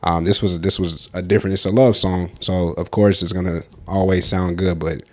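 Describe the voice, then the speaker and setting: A man's voice: low voice, fairly even intonation, moderate pace, a little mellow. A young man co-hosting a podcast, telling stories in a loose, slangy, laughing way. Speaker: podcast co-host. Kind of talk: casual podcast chat.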